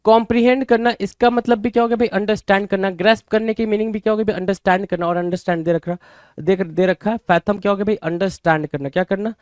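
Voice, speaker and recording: A man's voice: high-pitched, steady tone, fast, a little mellow, clean tone, no echo, studio quality. A man teaching English vocabulary for exams in a mix of Hindi and English, repeating each word and asking his students rhetorical questions. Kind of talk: Hindi-English exam prep lecture.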